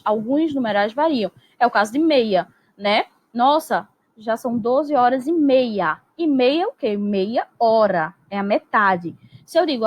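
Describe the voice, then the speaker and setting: A woman teacher explaining grammar in a recorded lesson, speaking patiently and constantly checking in with "né?" and "tá?". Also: a little high. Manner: explanatory, peppers speech with "né?" and "tá?"; acts out example sentences in a lifted voice.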